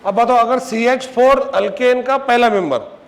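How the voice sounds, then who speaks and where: A man teaching a chemistry class in a classroom, firing repeated questions at students and scolding them when they are slow to answer. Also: very high-pitched. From Maharashtra, India. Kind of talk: classroom lecture. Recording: noisy classroom recording.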